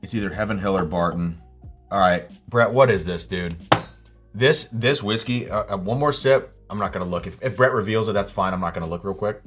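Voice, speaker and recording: A man's voice: on the low side, fairly quick, a bit bright, breathy edge, faint music behind. A man hosting a live whiskey tasting stream, exclaiming, swearing freely and thinking aloud as he tastes.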